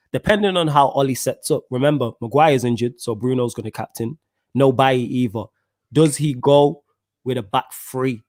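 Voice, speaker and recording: A man's voice: medium pitch, a little mellow, no room sound. London roadman-style man hosting, dry close sound. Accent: London, roadman-style street slang. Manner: slangy street talk, addressing listeners and co-host. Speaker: podcast host. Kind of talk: casual football fan podcast chat.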